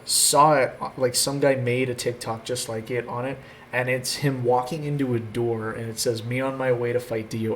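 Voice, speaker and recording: A man's voice: medium pitch, a little hiss or hum. A man hosting a casual chat show, rambling and hesitant with many fillers and restarts. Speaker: host.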